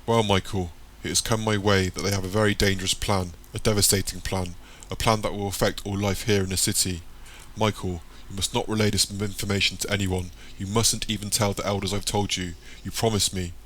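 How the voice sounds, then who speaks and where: A secretive, formal man in an audiobook story, calm and courteous, with a fairly low voice, as the male narrator reads him. He speaks in a measured, deliberate way. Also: a little hiss or hum, natural voice.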